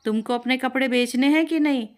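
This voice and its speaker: A woman's voice: a little high, normal speed, close to an everyday voice. A woman voicing a vain, bossy older mother-in-law who talks in a snappy, scolding way. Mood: angry.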